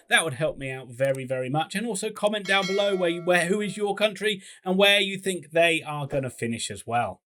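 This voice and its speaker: A man who hosts a football vlog, ranking teams in a playful, self-mocking way with sudden loud bursts. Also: sits high. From England. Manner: playful and self-mocking, with quick swings in loudness. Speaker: football fan vlogger.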